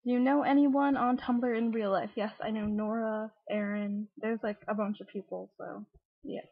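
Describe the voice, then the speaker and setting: A young adult woman with a Midwestern American accent and a husky, fried voice, casually doing an accent challenge in an offhand way. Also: on the high side, fairly even intonation, moderate pace, no room sound. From Cleveland, Ohio, United States. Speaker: vlogger. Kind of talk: casual accent challenge, reading word lists and answering questions. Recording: dull lo-fi home recording, dry.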